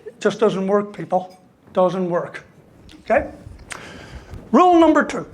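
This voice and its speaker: A man's voice: high-pitched, very animated, measured pace. A man giving a humorous motivational talk as a university lecturer, asking "right?" after most points. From Ireland. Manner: joking, ends lines with "right?".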